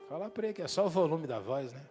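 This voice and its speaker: A male pastor preaching a lively sermon in a church, often asking the congregation questions and raising his voice for emphasis. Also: fairly high pitch, quick pace, big-room sound, soft background music. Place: church hall.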